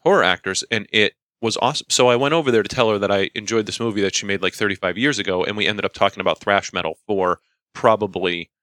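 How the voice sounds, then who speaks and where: A man co-hosts a podcast in relaxed conversational style, telling stories. His voice sits low but has a bright, forceful edge, captured very dry. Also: fast talker, dry recording. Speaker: podcast co-host. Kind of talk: casual chat, anecdotes.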